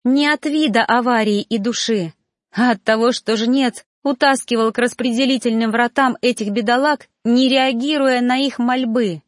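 A woman's voice: fairly high pitch, steady tone, normal speed, no room sound, clean studio sound. A woman narrating a first-person audiobook and voicing its heroine with heated indignation.

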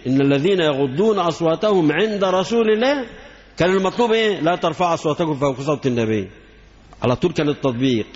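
A man with an Egyptian accent giving a religious lecture, repeating himself and asking rhetorical questions. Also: on the high side. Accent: Egyptian Arabic. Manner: repetitive, asks rhetorical questions. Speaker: Islamic lecturer. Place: lecture hall. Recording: echoey hall, dull lo-fi sound.

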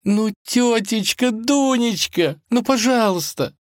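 Man putting on a high, wheedling young princess, mischievous and playful, storybook voice. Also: slow pace, no room sound, clean studio sound. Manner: wheedling, lively.

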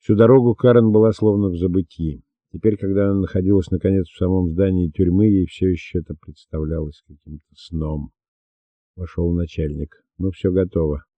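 A man narrating an audiobook in a measured, steady reading. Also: sits low, dry recording. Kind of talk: scripted narration. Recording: dull dry lo-fi recording.

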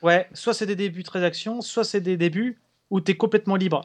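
A man in casual podcast chat, his voice sitting a little high. He talks in lively bursts, jumps in over his co-host and drops casual swear words. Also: a little fast. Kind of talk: casual chat about retro games.

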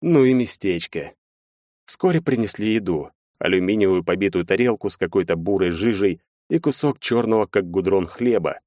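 A male audiobook narrator reading in the first person, wry and measured in tone. His voice is mid-pitched and moves lively across its range. The recording is close and dry, with no room sound. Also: dry recording.

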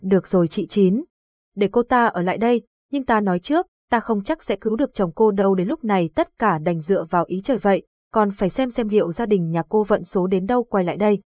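A woman voicing a grave, calm old male exorcist master who speaks in solemn, measured warnings in an audiobook ghost story. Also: mid-range voice, dry recording, close to an everyday voice. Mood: resigned.

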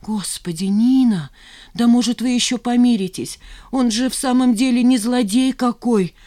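A woman's voice: on the high side, moderate pace, warm tone, voice pushed up, close to an everyday voice. A woman doing a tearful fretting older mother. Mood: pleading. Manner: pleading, sobbing, fussy.

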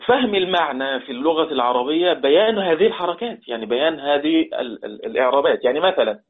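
Egyptian male teacher, a little high and husky, patient and repetitive, drawing in his listeners, phone-quality audio. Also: animated, fast talker. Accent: Egyptian Arabic. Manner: patient, repeats key words and asks listeners to respond. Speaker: Quran recitation teacher. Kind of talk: explanatory lesson. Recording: tinny phone-like line.

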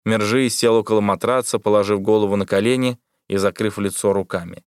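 A man narrating an audiobook in a steady, measured way. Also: lowish voice, clean tone, no echo, studio quality. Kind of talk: scripted narration.

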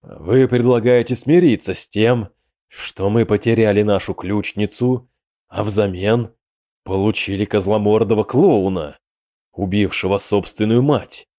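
A man voicing a hot-tempered rotting demon prince who speaks in sharp, fierce outbursts. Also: lowish voice, unhurried, no echo, studio quality. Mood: cold.

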